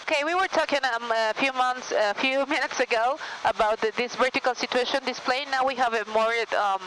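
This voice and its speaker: A woman's voice: high voice, a little fast, a bit bright, rough recording. A woman airline pilot, giving procedural briefings and explanations in the cockpit during flight. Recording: faint aircraft cockpit hum.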